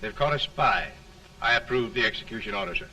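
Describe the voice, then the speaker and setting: A man's voice: mid-range voice, animated, fairly quick, creaky, bright, forceful tone, full character voice. A man acting a dutiful army colonel in an early talkie film, clipped, military and deferential. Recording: distant early 1930s film soundtrack.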